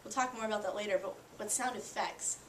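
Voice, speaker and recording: A woman's voice: medium pitch, fast talker, a bit bright. A woman college instructor teaching a class in an upbeat, encouraging way. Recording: echoey classroom, mic far off, noisy.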